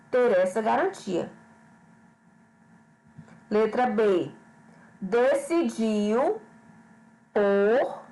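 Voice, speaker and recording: Slow, patient woman teacher. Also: a little high, a little mellow, low-quality recording. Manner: slow, patient, repeats questions and checks with "certo?". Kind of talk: online grammar lesson.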